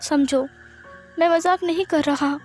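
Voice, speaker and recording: A woman's voice: extremely high pitch, steady tone, measured pace, faint music behind, pitched above the performer's own voice. A woman voicing a lovesick young woman who pleads and presses with questions, in a read-aloud fan story. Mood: pleading.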